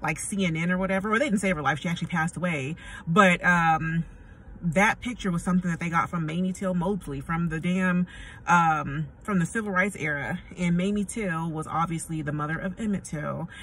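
A woman's voice: fairly low pitch, brisk, a bit bright. American woman chatting casually in a noisy car. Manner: blunt, slangy, conversational. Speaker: vlogger. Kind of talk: casual rambling chat to camera. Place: inside a car. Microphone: phone at arm's length. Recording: distant mic, noisy car ambience.

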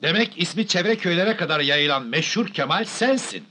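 An actor playing a stern, accusing government health inspector in a film, formal and authoritative. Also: male voice, a little high, expressive, moderate pace, bright, forceful tone, a little hiss or hum. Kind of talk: comedy film acting.

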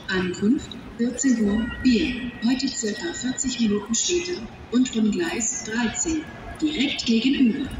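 A woman making scripted train platform announcements in a flat, measured manner, heard over a station loudspeaker. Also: fairly high pitch. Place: large train station hall, heard over public address. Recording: echoey station loudspeaker from far off.

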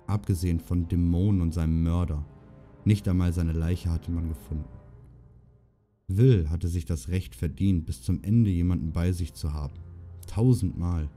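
A man narrating an amateur audiobook in a steady, measured reading. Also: low-pitched. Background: faint music.

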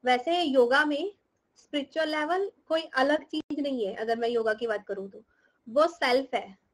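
Her high voice moves a little slowly over a low-quality recording as this young woman teaches a live class in Hindi and English. Between explaining terms, she teases and scolds students with questions and often laughs.

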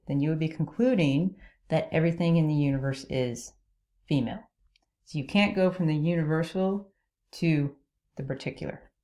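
Her deep, dark-toned voice carries a logic lesson recorded as a voice-over on slides. The instructor breaks down each rule step by step, checking in with "okay?" along the way.

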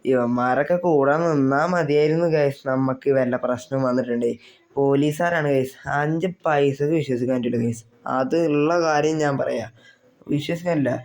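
A young man giving animated, comic gameplay commentary as a gaming YouTuber, often yelping and exclaiming. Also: medium pitch, moderate pace. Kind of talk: gameplay commentary with role-play.

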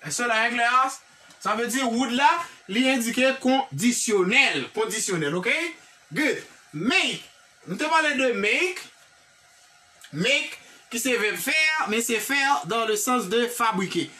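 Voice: medium pitch, lively intonation, slow, bright, forceful tone, recorded from a distance. A teacher with a Haitian accent giving a classroom grammar lesson, drilling example sentences one by one and checking in with the class. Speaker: English teacher.

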